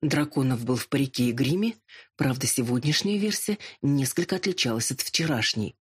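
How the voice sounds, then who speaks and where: Husky audiobook narrator. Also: medium pitch, animated, moderate pace. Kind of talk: first-person scripted narration.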